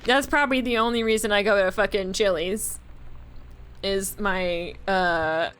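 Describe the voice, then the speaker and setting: A woman's voice: medium pitch, fairly even intonation, unhurried, a bit bright, clear, resonant tone. A young adult woman streamer giving casual, joking commentary while playing a game, giggly and swearing casually.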